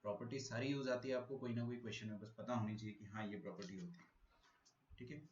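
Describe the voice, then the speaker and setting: A male maths teacher giving a live online lecture, explaining slowly and checking whether students have understood. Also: on the low side, steady tone, darkish tone, slight background noise. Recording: echoey room, dull lo-fi audio.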